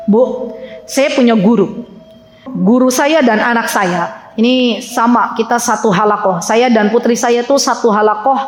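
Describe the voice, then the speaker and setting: High-voiced woman preacher in an echoey hall. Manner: lively, animated, talks directly to her audience with questions. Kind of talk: religious study lecture to women. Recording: echoey hall with long reverb.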